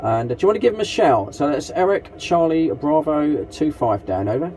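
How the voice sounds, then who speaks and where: This man's fairly high voice has lively intonation and a slightly fast pace. He's a group net operator on CB radio, chatting in a matey, polite way full of call signs and radio lingo, heard through a noisy transmission with hiss.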